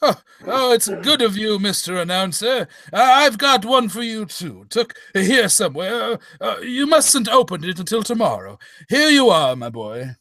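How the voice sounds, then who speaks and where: A man's voice: sits high, very animated, a little slow, few pauses, sharp tone, dry recording, exaggerated voice. A man playing a fussy old doctor in a hammed-up radio play, stammering and rambling as he goes. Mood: befuddled, reminiscing. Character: doddering, fussy old English doctor Watson reminiscing. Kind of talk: hammed-up old-time radio acting with comic ad-libs.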